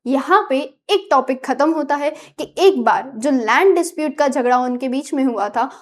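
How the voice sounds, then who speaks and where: Woman tutor retelling a play for exam students, high voice, hindi mixed with english. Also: expressive, normal speed. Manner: retells the plot, mixing Hindi with English words. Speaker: teacher. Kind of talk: explaining a play chapter.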